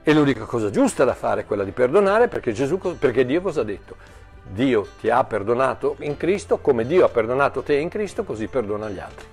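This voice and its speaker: A man preaching a sermon in an animated way, often repeating and restarting words, with jokey asides. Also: mid-range voice, fairly quick, husky, soft background music.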